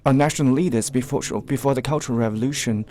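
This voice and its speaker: On a live tour, a man with a mellow, medium-pitched voice gives spontaneous commentary. He speaks haltingly, repeating and rephrasing himself as he goes.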